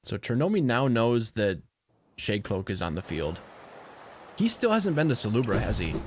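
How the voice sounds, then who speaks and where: A man's voice: medium pitch, sing-song, normal speed, noisy background. A man commentating a live game match in a casual, analytical way with dry teasing.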